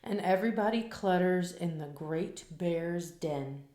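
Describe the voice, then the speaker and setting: Slow, expressive woman reading a storybook. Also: fairly low pitch, reverberant. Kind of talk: children's picture-book read-aloud.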